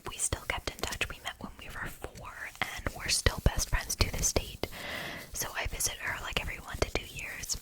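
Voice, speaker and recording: A woman in her twenties from Germany, whispering softly in a casual ASMR question-and-answer chat, with lots of fillers. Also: moderate pace, poor audio. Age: 20s. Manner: soft unvoiced whisper, chatty with fillers. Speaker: ASMR YouTuber.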